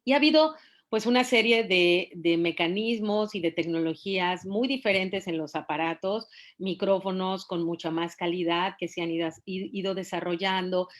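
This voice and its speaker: A woman's voice: lowish voice, normal speed. Mexican woman lecturing with tag questions. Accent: Mexican Spanish. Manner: explanatory, many fillers and tag questions. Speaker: bat researcher giving a talk. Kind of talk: academic lecture on bat acoustics.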